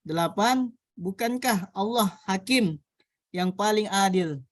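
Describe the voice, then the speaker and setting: A male student reading a translation aloud verse by verse, a little halting. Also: high voice, no room sound. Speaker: student in a practice teaching class.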